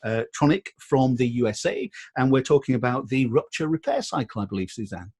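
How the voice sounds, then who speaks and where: A man's voice: mid-range voice, animated, a little fast, a little mellow, husky. A man hosting an online panel talk over a video call, upbeat and full of "uh" fillers. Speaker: host.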